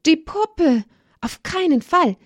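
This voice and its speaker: A woman voicing an eager little village girl in a children's story, high and pleading. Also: expressive, slow, no echo, clean studio sound, heavily acted. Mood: overjoyed.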